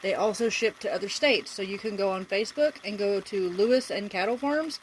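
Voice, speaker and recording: A woman's voice: mid-range voice, a little fast, slight background noise, poor audio. Woman chiming in on a cooking vlog. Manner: brief, helpful interjections. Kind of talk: casual chat. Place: home kitchen.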